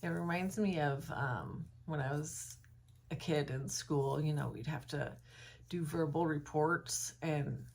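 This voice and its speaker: Speaking slowly in a deep, darkish voice with vocal fry, this young woman vlogger reflects off the cuff to her phone camera while alone in a room at home. There's a little hiss or hum on the recording. She's hesitant and thoughtful, slightly froggy, and full of ums and likes.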